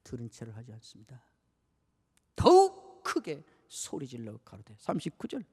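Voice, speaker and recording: A man's voice: mid-range voice, wildly swooping pitch, normal speed, warm tone, slightly rough. A male pastor preaching a sermon, acting out scripture scenes and asking the congregation many rhetorical questions. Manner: dramatizes scripture, acting out rebukes and pleas. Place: church sanctuary. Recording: long church hall reverb.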